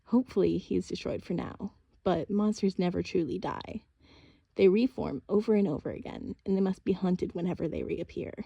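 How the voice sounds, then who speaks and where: A woman reading an audiobook, voicing a calm, commanding young goddess huntress who speaks in a formal, measured way. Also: fairly low pitch, creaky, slightly rough, no echo, highs cut off. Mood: solemn.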